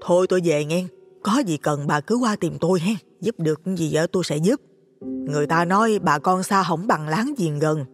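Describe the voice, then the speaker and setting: Storybook role: man doing a loud, friendly village neighbor woman, high and bright, with a long reverb. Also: moderate pace, music in the background, natural voice. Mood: concerned. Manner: loud, chatty falsetto.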